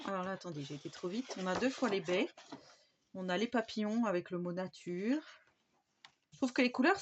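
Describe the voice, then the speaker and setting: A woman from France talks casually through her new craft papers, pausing and restarting often. The sound is slightly dull, with a faint hiss behind it. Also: mid-range voice. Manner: chatty, with many fillers and restarts. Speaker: scrapbooking YouTuber. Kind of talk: casual craft haul show-and-tell. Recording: slightly dull home recording with faint background noise.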